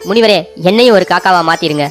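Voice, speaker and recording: A man's voice: high-pitched, fast talker, fairly bright tone, faint music behind. Man doing a whiny doting husband, repeats himself, cartoon story. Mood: wailing. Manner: whiny, repetitive. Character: silly devoted husband, wailing.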